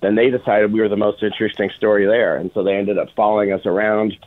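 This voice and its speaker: A man's voice: on the low side, fairly even intonation, fast talker. A middle-aged man telling anecdotes casually as an interview guest, informally acting out bits of remembered dialogue. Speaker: interview guest, film producer. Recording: phone-like, band-limited radio sound.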